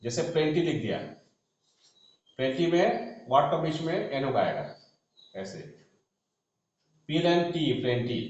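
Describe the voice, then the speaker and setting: A man explaining shorthand in a classroom, spelling out letters as he writes and often trailing off softly. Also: fairly high pitch, lively intonation, unhurried, pauses often. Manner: talks while writing on a board, spells letters aloud, trails off softly. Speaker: shorthand teacher. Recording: echoey dull room recording.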